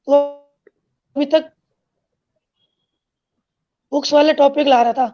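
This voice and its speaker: A man's voice: extremely high pitch, steady tone, highs cut off, soft background music. A man, the guest, telling a story over a video call whose bad connection makes his voice cut in and out. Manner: halting, broken-up delivery. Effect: bad connection, voice cutting in and out. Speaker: guest academic. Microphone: online video call.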